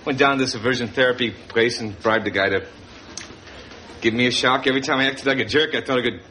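An actor playing a chatty, bumbling know-it-all barfly in a sitcom, long-winded and hesitant, jokey and needy. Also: male voice, medium pitch, fast talker, lightly acted. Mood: dejected. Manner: pompous, long-winded, hesitant with filler words. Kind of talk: sitcom acting before a live audience. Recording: loud studio audience noise and laughter.

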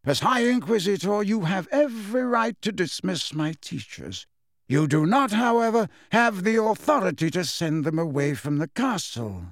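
A man's voice: sits high, sing-song, normal speed, no echo, clean studio sound, pitched above the performer's own voice. A man voicing a very old wizard headmaster who speaks pleasantly, courteously and without hurry.

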